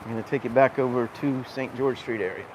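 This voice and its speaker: A man's voice: mid-range voice, fast talker, a little mellow, highs cut off. A man giving a conversational, explanatory live walking-tour commentary as host, recorded outdoors on town streets. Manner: conversational, explanatory, pointing things out. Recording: noisy outdoor street recording with urban ambience.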